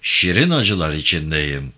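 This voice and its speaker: A man's voice: rumbling low, sing-song, unhurried, pushed and bright, pitched below the performer's own voice, exaggerated voice. A man reading a story voices a wounded, hardy man who soothes his wife in florid, tender words. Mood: tender soothing.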